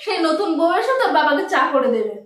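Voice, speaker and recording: A woman's voice: sits high, very animated, fast. A woman playing an angry, overworked middle-aged housewife who scolds shrilly and complains in a sing-song voice, recorded in an echoey room. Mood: scolding. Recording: echoey room, distant mic, noisy.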